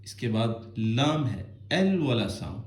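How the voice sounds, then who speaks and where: A man's voice: medium pitch, sing-song. Patient male Quran teacher, echoey room. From Azad Kashmir, Pakistan. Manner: patient, repetitive explaining, stretching out each letter sound in melodic recitation. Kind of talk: Quran reading lesson for children.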